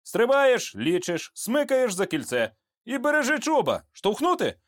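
A man's voice: very high-pitched, huge pitch swings, unhurried, pitched above the performer's own voice, full character voice. Man doing joking veteran sergeant, raised voice, blunt and bantering. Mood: commanding. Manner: bantering, coarse humor, giving orders. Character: joking, seasoned male sergeant, fatherly and blunt.

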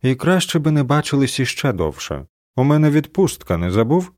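Brief: a man reading an irritable, sarcastic young space agent, lively swinging intonation, dry studio sound. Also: medium pitch, fairly quick, dry recording, pitched above the performer's own voice, natural voice. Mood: irritated. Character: sharp-tongued young woman on vacation, a space agent.

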